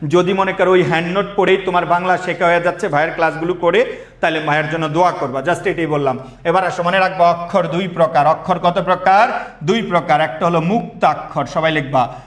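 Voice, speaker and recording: A young man teaching an online admission class, energetic and quizzing students with repeated questions. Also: fairly high pitch, a little fast, echoey room.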